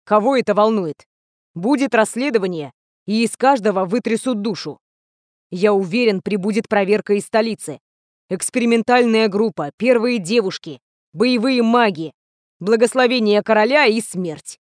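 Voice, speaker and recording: A woman's voice: medium pitch, moderate pace, no room sound, clean studio sound, natural voice. A woman voicing a weary, stern middle-aged male teacher who speaks curtly and with authority. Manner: curt, grim, authoritative.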